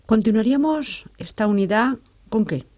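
A woman's voice: a little high, lively intonation, normal speed, dark tone. A woman presenting a language lesson, moving it along with brief guiding questions.

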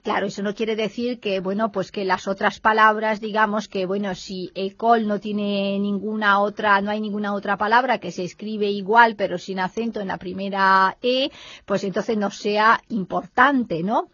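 A woman's voice: medium pitch, fairly even intonation, normal speed, a bit bright, no echo, lo-fi sound. A woman teaching French spelling and grammar in a conversational lesson. She thinks aloud, uses many fillers and keeps checking in with her listener. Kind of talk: explaining a language lesson in conversation.

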